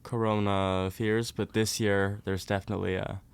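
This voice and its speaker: A young man from Norway talks in a relaxed, chatty way as a guest on an interview podcast. His voice sits fairly low and sounds smooth and resonant. He laughs easily between answers. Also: moderate pace. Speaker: guest musician. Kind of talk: casual interview.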